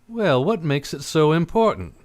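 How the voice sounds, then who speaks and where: A man's voice: a little high, sing-song, normal speed. Man as Sam Spade, swooping wisecracking detective. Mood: probing. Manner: sardonic, clipped, casual. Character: wisecracking, tough, cynical male private detective. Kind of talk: old-time radio play acting.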